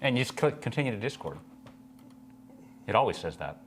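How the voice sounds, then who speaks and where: A man's voice: mid-range voice, very animated, brisk, a bit bright. A man from the Houston area co-hosting a casual live stream with dry, joking delivery. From Houston, Texas area. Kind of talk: casual livestream chat. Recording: background noise with hum.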